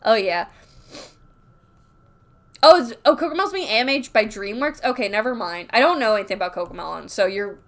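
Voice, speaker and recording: A woman's voice: fairly high pitch, animated, brisk, long pauses, a bit bright. A woman livestreaming while drawing, rambling candidly in casual chat, full of filler words, reading chat aloud and reacting.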